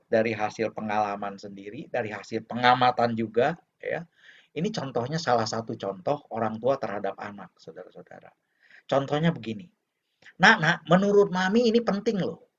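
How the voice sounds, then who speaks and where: Male preacher giving a dharma sermon. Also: mid-range voice. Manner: addresses the audience often, asks rhetorical questions. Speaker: Buddhist preacher. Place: Buddhist temple hall. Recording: dull lo-fi recording.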